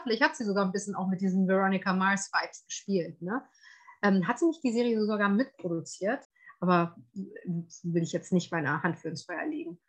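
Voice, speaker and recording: Woman podcast co-host, chatty, filler-heavy, casual review talk, mid-pitched.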